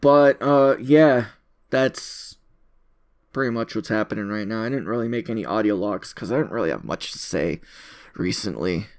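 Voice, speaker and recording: At a moderate pace and in a lowish voice, a man chats through an unscripted audio log he's making as a content creator. His talk wanders, turns self-deprecating, and circles back over the same phrases.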